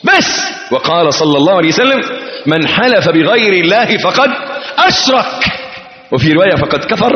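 A high-voiced man with an Egyptian accent delivers a lively sermon, his pitch leaping all over the place. He bursts into shouts, then drops to low murmured asides, and keeps asking his listeners questions that he answers himself. The sound is dull and lo-fi, with a long hall reverb. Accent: Egyptian Arabic. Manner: dramatic, swings between shouted exclamations and quiet low asides. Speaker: preacher.

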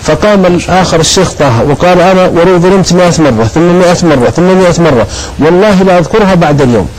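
A man rattles through anecdotes at great speed on a talk show. His voice sits a touch high, and he acts out the people in his stories as he goes. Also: very fast, rough recording. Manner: animated storytelling, voices quoted people. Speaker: guest preacher.

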